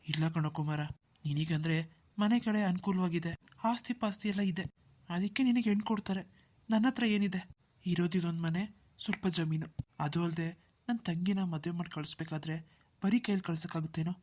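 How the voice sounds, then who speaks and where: A man's voice: sits high, a little fast, long pauses, darkish tone. A man voicing a poor, anxious young village brother in a cartoon, who talks in a pleading, self-pitying way. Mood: worried. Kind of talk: Kannada cartoon dubbing.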